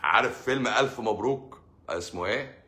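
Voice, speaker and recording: This is a doctor with an Egyptian accent running a casual live stream Q&A, playfully sarcastic as he acts out his patients' words. His voice is on the low side, fairly quick, and sharp in tone.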